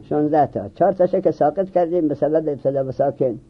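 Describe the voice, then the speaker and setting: A man's voice: fairly high pitch, husky. A man giving a classroom grammar lesson, often asking questions and answering them himself. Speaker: seminary teacher. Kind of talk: classroom lecture on Arabic grammar. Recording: dull lo-fi recording.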